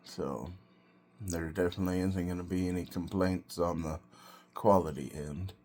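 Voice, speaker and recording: A man talking casually and reflectively in a solo vlog, in short, halting phrases. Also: low voice, steady tone, darkish tone. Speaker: vlogger and self-employed car restorer.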